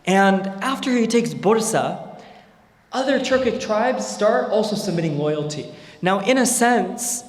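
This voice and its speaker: A young Islamic scholar from the Bay Area gives an informal history lecture, speaking conversationally with lots of fillers and tag questions. His high-pitched voice is expressive and measured, echoing through a large hall with long reverb.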